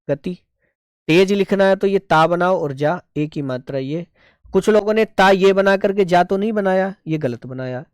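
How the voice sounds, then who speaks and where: Patient shorthand teacher, clear voice. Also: male voice, fairly high pitch, no room sound, clean studio sound. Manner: patient step-by-step explaining, often checking "ठीक है". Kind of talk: online class lesson.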